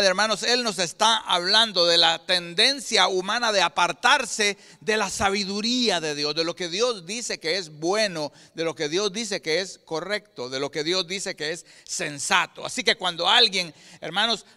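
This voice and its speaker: A pastor from Guatemala delivers a sermon with a Guatemalan Spanish accent, his voice strikingly bright and a touch high. He jumps between forceful, loud emphasis and hushed, low asides. The sound carries the long echo of a church sanctuary. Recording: long reverb of a church hall.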